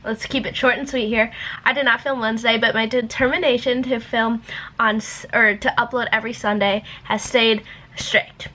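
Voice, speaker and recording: Bright giggly woman vlogging. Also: fairly high pitch, steady tone, moderate pace. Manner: giggly, rambling, chatty. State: talking with a retainer in; short on sleep. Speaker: YouTuber. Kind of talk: casual vlog chat to camera.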